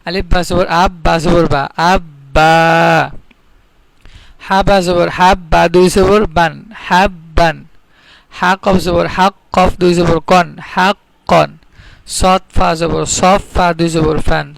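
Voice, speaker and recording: A man teaching Quran reading online, who spells out letters and vowel marks in slow, drilled repetitions. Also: high-pitched, level tone, gravelly, no echo, rough recording. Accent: Bangladeshi Bengali. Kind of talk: online recitation lesson.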